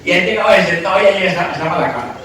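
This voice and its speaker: A pastor preaching emphatically, asking the congregation questions and breaking into shouts, recorded from a distance in an echoey church hall. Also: male voice, sits high, animated, rapid-fire, noisy background. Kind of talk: sermon.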